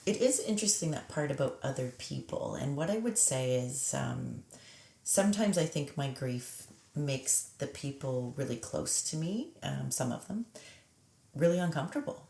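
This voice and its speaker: Low, gravelly-voiced woman in a roomy space. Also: lively intonation, mellow. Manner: reflective, measured, with frequent pauses and fillers. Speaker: podcast conversation partner. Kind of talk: casual reflective conversation.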